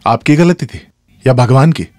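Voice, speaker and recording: A man's voice: medium pitch, lively intonation, normal speed, darkish tone, no echo, lightly acted. A man voicing a departing emigrant, teasing. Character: man in his forties leaving home to work abroad. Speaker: dubbing actor. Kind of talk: Hindi film dubbing.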